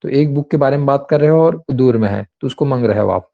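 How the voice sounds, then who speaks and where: A man's voice: mid-range voice, fast talker, vocal fry, phone-quality sound. A man teaching an English grammar class online, explaining patiently and repeating examples with many fillers.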